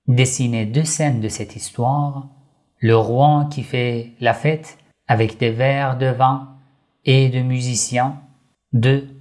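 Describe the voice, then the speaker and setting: Guy narrating a kids' religious story, real slow and calm. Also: medium pitch. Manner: slow, gentle and deliberate. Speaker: storyteller for children.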